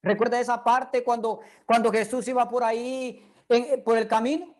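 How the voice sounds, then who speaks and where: A woman preaching a sermon with a high, light voice. She speaks earnestly and keeps putting direct questions to her listeners. She retells scripture scenes in a steady teaching tone. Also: moderate pace.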